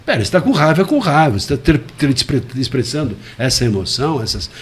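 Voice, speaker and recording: A man, a communication expert, explaining in a web radio interview, shifting his volume and pitch to illustrate his points and enunciating each syllable with care. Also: very animated. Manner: deliberate, careful enunciation.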